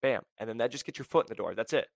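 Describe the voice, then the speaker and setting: A young man hosting a career podcast, blunt and high-energy, packed with "like" and "right?". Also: lively intonation, rapid-fire, creaky, no room sound. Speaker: podcast host. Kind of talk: motivational career podcast talk.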